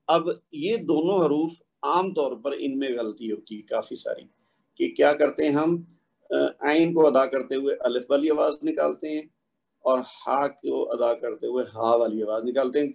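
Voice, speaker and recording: A man teaching a tajweed lesson, explaining patiently and slowly demonstrating each letter sound. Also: medium pitch, creaky, darkish tone. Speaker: Quran recitation teacher.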